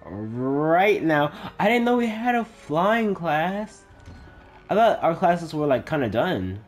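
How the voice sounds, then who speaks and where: A man giving casual let's-play commentary, excitable and chatty, reading game text aloud haltingly. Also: high-pitched, faint music behind. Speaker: gaming YouTuber.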